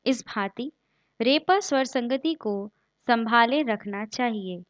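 A woman teaches a classical raga in a formal, measured lecture, reading out note names one by one. She speaks very slowly in a somewhat high voice. The recording is dull and lo-fi, with a dry, close sound. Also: dry recording. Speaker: music teacher.

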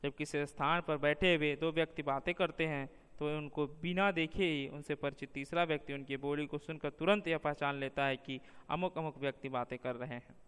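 Smooth-voiced man reading a lesson. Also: fairly high pitch, fairly even intonation, fairly bright tone, big-room sound. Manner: measured, slows down to spell out example words. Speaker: teacher. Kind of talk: reading a linguistics lesson aloud.

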